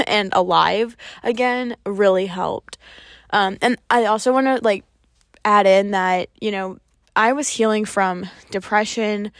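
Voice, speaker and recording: Young female vlogger, mid-pitched, soft and candid, lots of ums and nervous little laughs, dry close sound. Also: no echo. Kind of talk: casual personal talk to camera.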